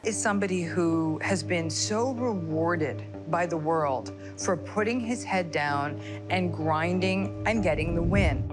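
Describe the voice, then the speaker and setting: Woman, psychologist, low voice, measured documentary interview, background music. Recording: documentary clip with music under.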